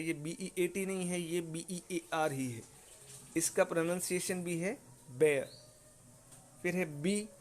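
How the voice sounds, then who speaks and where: A man teaching pronunciation for an exam, spelling out words letter by letter and often asking "ठीक है ना" to check understanding. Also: fairly high pitch. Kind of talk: exam prep lesson.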